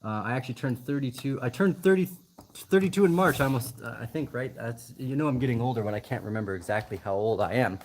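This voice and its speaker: Outdoors in the jungle, a man in his thirties hosts a casual livestream Q&A, talking loosely with lots of ums and restarts. He has a mid-range voice and talks fast, recorded on a laptop mic with a little hiss or hum.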